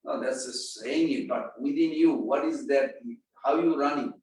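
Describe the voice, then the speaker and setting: A man's voice: fairly high pitch, normal speed, darkish tone, a little hiss or hum. A man giving a scripture class, talking casually, quizzing his listeners and chanting verses. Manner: conversational, quizzes the audience. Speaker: spiritual class speaker. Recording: echoey room, mic far off.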